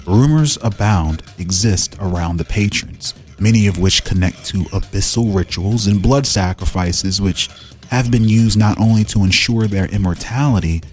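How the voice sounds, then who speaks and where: With music in the background, a man hosts a casual presentation of fan-made game lore, reading aloud and wandering into musing, informal asides. His voice is on the low side and a little mellow, at a moderate pace.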